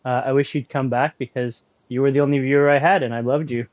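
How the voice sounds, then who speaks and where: A man's voice: mid-range voice, fairly even intonation, fast talker, no echo, lo-fi sound. A man chatting casually on a live game stream, rambling and joking at his own expense. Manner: rambling, joking and self-mocking.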